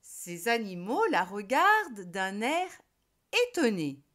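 A woman storyteller reading a picture book aloud to a child, slow and expressive. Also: medium pitch.

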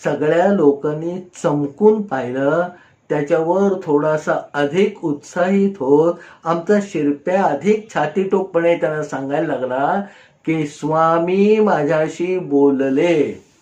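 A man telling a folk tale at a very slow, measured pace, stopping to explain old words as he goes. His voice sits a little high for a man, and the recording has the hollow echo of a bare room. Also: a little mellow. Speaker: storyteller. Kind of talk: oral storytelling narration.

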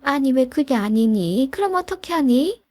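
A woman's voice: fairly high pitch, expressive, normal speed, darkish tone, no echo, close to an everyday voice. A woman voicing a pushy, self-pitying older mother-in-law in a storybook drama, wheedling and guilt-tripping. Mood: pleading, pushy.

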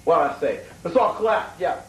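A man's voice: on the high side, expressive, normal speed. A man hosting a homemade comedy sketch show, giving an indignant, mock-serious rant that stammers now and then. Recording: echoey, distant, slightly noisy room.

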